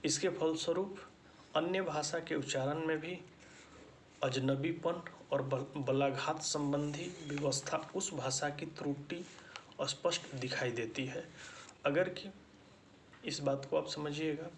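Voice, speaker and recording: A man lectures at a very slow, measured pace, circling back to restate each point. His voice sits a little higher than most men's. A faint hiss of background noise runs underneath. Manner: slow, deliberate explaining with repetition. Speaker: teacher-education lecturer. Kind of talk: spoken lecture.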